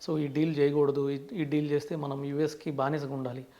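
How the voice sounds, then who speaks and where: A man with a Telugu accent, interviewed as a finance expert, explains concepts while mixing in English terms and frequently starting sentences with "so". His voice is fairly high, level in tone, a little fast and mellow.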